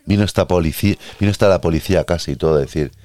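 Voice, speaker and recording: Host, male; very low voice, dry sound, crude rambling comic delivery. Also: racing, darkish tone, no room sound. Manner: crude, rambling, self-mocking. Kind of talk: comic personal monologue.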